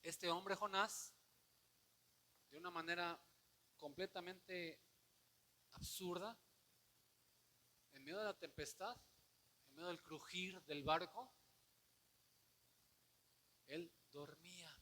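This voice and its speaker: A man preaching a sermon, asking the congregation rhetorical questions and swinging from quiet, low passages to loud declamation. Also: slow, pauses often, a little hiss or hum. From Mexico. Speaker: pastor.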